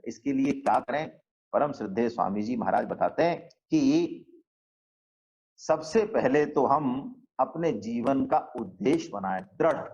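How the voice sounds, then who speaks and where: A man teaching a class on a spiritual scripture, explaining slowly and checking in with the listeners through rhetorical questions. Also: mid-range voice, darkish tone, lo-fi sound.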